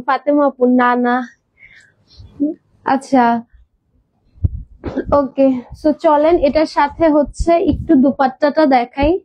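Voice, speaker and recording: A woman's voice: high voice, no echo, dull audio. A woman hosting a live clothing sales stream, chatty, mixing in English words and hesitating with fillers and repeats. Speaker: online clothing seller.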